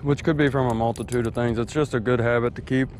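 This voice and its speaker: Wearing a head-mounted action camera, a fishing vlogger narrates casually while casting at a quarry lake, his drawl relaxed and laid-back. His mid-range voice is a little mellow, fairly even in intonation and quick in pace, with faint outdoor noise behind him.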